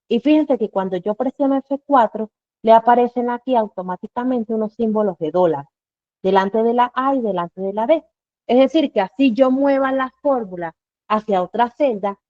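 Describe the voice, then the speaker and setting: A woman's voice: a little high, darkish tone, no echo, muffled recording. A woman teaching a live online class, walking students through each step and answering her own questions as she goes. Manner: explains step by step with rhetorical questions.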